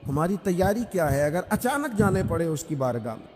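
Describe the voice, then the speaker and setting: A man's voice: fairly high pitch, sing-song, brisk. A man delivering an emphatic, rhythmic sermon, repeating phrases and reciting Arabic verses. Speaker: Islamic preacher. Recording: echoey hall, noisy.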